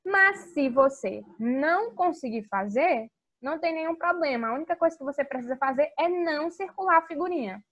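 A woman teaching English to young children in a video lesson, with a sing-song teacher manner and slowly spelled-out English words. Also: sits high, animated, fairly bright tone, dull audio. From Brazil. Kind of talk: recorded video lesson for kids.

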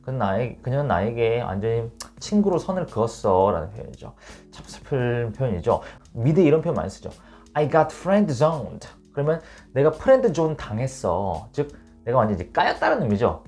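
A man teaching an online English lesson. He explains patiently and reads the English examples slowly and clearly. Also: mid-range voice, very animated, darkish tone, soft background music.

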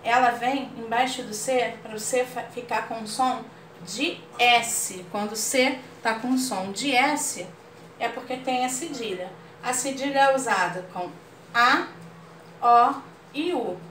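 Brazilian female teacher, slow deliberate delivery, slightly high voice, roomy distant mic, faint room hiss. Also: a bit bright. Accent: Brazilian Portuguese. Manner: patient, explains slowly and checks understanding with "ok?". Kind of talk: online class lesson.

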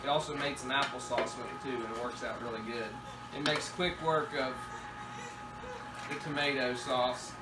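A man's voice: mid-range voice, steady tone, moderate pace, loud music behind the voice, low-quality recording. A man in his thirties, a homestead father, casually explaining a kitchen task while working with his kids at home. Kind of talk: casual demonstration.

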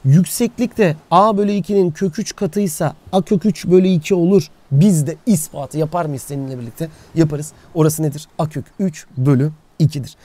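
A man's voice: fairly high pitch, fairly quick, few pauses, warm tone, dry recording. A man teaching a casual geometry lesson outdoors, asking questions and answering them himself. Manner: talks to himself, asks and answers his own questions. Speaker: math teacher. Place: outdoors, by the sea.

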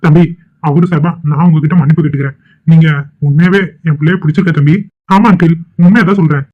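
A man's voice: fairly high pitch, steady tone, quick pace, lightly acted. A man voicing a stern middle-aged father in a cartoon, scolding and commanding. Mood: polite. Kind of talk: cartoon voice acting. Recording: tinny phone-like audio.

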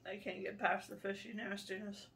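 A woman's voice: mid-range voice, flat delivery, moderate pace, vocal fry, fairly bright tone. A woman in her thirties co-hosting a food challenge, chatting casually while she tastes. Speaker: co-host of a food challenge video, host's wife. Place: small living room at a table, indoors. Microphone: camera a couple of metres away. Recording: faint room noise, distant camera mic.

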